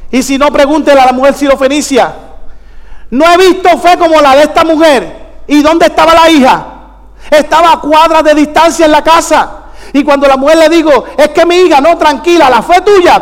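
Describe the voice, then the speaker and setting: A man's voice: very high-pitched, a little fast, long reverb tail. A man preaching a fervent sermon as pastor, calling out to the congregation in a church.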